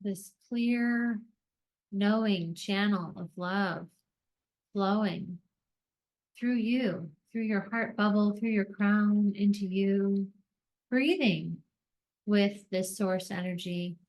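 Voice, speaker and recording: In lo-fi sound, a medium-pitched female voice talks listeners through a meditation, offering gentle, measured phrases and leaving long pauses in between.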